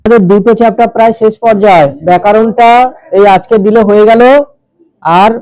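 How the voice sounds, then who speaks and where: A man with a high voice teaches a grammar lesson to a classroom, breaking each point into small steps. He keeps stopping to put questions to his students. The sound is close and dry. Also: fairly even intonation, brisk, mellow, clean tone, no room sound, low-quality recording. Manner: explains step by step, asks the class questions.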